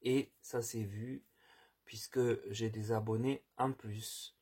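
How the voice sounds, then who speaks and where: A man's voice: fairly even intonation, takes it slowly, slightly rough. A man reading tarot cards in a casual, hesitant way, with many fillers and restarts, and giving earnest advice. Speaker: tarot reader. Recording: quiet, low-level voice.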